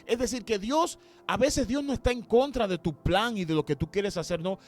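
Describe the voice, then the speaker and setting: A man from Cuba, preaching an impassioned sermon that swings from loud to hushed, with slow, drawn-out dramatic quotes. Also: sits high. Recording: faint music behind.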